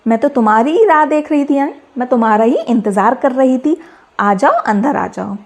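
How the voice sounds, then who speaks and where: A woman voicing a kindly old grandmother from a children's story, coaxing and welcoming, a little higher than her own voice. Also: lively intonation, moderate pace.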